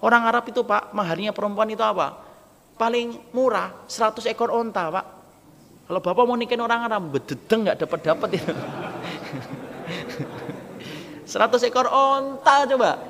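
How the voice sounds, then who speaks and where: Gravelly preacher with a lilt. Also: male voice, high-pitched, moderate pace, long pauses. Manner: lively, joking, acts out quoted dialogue. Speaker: Islamic preacher. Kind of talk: humorous sermon. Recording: gravelly voice with long hall reverb, faint background noise.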